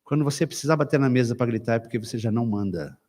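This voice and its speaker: A Brazilian man preaching to couples at a church retreat, telling stories with acted quotes and sudden loud bursts. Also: medium pitch, rapid-fire. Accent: Brazilian Portuguese. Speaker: pastor. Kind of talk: lively sermon at a couples' retreat. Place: church hall. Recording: reverberant church hall.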